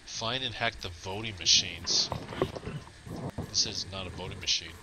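A man's voice: low voice, a little slow, noisy background. A man chatting casually while playing a heist game with a friend on stream, joking around and tossing out goofy lines. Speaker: gamer streaming. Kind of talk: casual gameplay chat.

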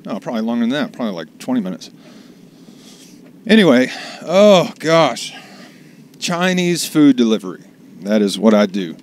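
A man's voice: mid-range voice, sing-song, normal speed, long pauses, slight background noise. A man chatting casually to the camera while driving for food deliveries, rambling and salty. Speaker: delivery driver vlogger. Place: in a car.

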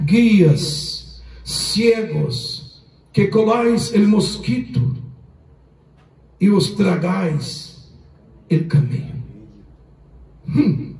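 Preacher, male, high voice, echoey church, distant mic. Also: expressive, extremely slow, pauses often, a little mellow. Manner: mixes Spanish and Portuguese, calls the congregation to repeat. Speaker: pastor. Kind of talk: sermon.

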